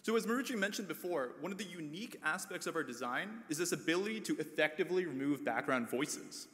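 A man with a fairly high voice presents research results at a conference. He walks through the figures step by step, with a few fillers. His voice rings with a long hall reverb. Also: animated, quick pace, a bit bright. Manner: explains figures step by step, light filler words. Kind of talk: prepared research talk.

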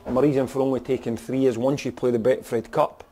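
After a match, a Scottish football manager gives a frank, plain-spoken interview, scattering "you know" throughout. His voice is medium-pitched and dark, level in tone, and he talks fairly quickly.

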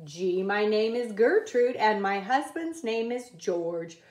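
A woman reading a children's picture book aloud at a table, in a slow, careful read-aloud cadence. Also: mid-range voice, lively intonation, darkish tone, roomy sound. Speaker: reader. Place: indoors at a wooden table.

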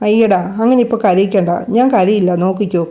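A woman voicing a young woman who sulks and sobs to her lover on the phone, her tone warm and mellow. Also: mid-range voice, fairly even intonation, fast, natural voice. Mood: flustered. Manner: sobbing, pouting. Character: young woman, tearful and sulky sweetheart.

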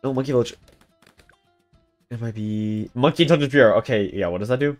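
Young man, livestream gamer, rambling casual talk, lowish voice, faint game music behind. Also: normal speed, a little mellow. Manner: rambling, filler-heavy, talking to chat. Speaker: streamer. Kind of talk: casual live gameplay commentary.

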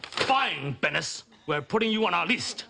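A gruff, clipped delivery man. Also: high voice, lively intonation, measured pace, background noise, heavily acted. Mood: curt. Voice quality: clipped broken English, gravelly. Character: curt male food delivery man, blunt. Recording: sitcom audio with audience laughter.

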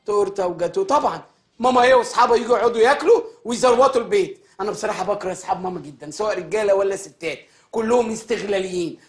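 An actor with an Egyptian Arabic accent playing a spoiled, grumpy grown son who is whiny, petulant and quick-tempered. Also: male voice, sits high, fairly bright tone. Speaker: lead comic actor. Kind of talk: animated sitcom voice acting.

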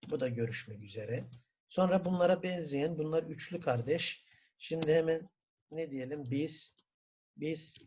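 A man with a Turkish accent teaching a German class, asking the students questions, answering them himself and repeating words slowly for pronunciation. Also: a little high, a little mellow, a little hiss or hum. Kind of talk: classroom lesson. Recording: dull lo-fi recording.

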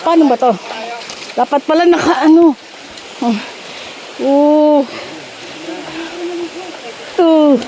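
A high-voiced woman talking slowly into a phone on a forest trail, out of breath and exclaiming at every turn. A faint hiss of outdoor noise sits under her voice, with a stream running nearby. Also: mellow. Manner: chatty, exclaiming, mixes English into Tagalog. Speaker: vlogger. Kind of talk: casual hiking vlog narration.

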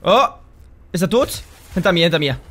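A man with a bright, sharp voice talks viewers through his gameplay as a let's play host. He is chatty and excitable, and often bursts into loud shouts and exclamations. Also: high voice, normal speed, a little hiss or hum. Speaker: gaming channel host.

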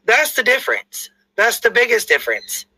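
High, bright-voiced profane streamer man. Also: moderate pace, no room sound, low-quality recording. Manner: profane, animated ranting. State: slightly sick-sounding voice. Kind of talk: casual livestream chat.

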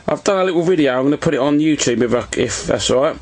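Quick and lively in intonation, this slightly high male voice belongs to an amateur CB operator from England. He makes easygoing contacts from his home set using radio jargon, repeating "Roger" often, and films them. The footage is a faintly noisy phone video shot next to the radio.

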